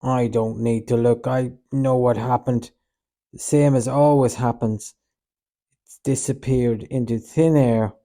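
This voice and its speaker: A man's voice: mid-range voice, a little slow, natural voice. A man reading an audiobook, voicing Peter, a fiery and protective male disciple who snaps in anger. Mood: angry. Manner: forceful, angry, then remorseful.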